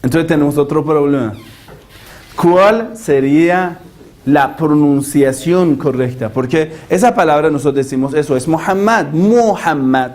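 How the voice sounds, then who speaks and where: Male religious teacher, argumentative lecture, rhetorical questions, somewhat high voice. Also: a little slow, darkish tone.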